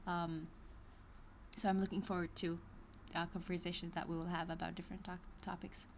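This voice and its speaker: A woman with a lowish, level voice reads an online course aloud on a live stream at a brisk clip, with slight background noise. She's hesitant, full of ums and restarts, and keeps breaking off for chatty asides and small laughs in this casual reading with commentary.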